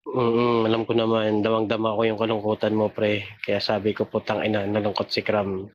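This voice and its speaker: Low-key man mumbling quick replies. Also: monotone, highs cut off. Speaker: host. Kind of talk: casual chat.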